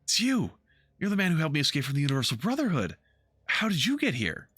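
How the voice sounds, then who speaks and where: A man's voice: on the high side, wildly swooping pitch, fast, fairly bright tone, breathy edge, no echo, studio quality, pitched above the performer's own voice, exaggerated voice. A man voicing a frightened, haunted young elf woman in a video game, reading her lines aloud with a raised, strained voice. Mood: frantic.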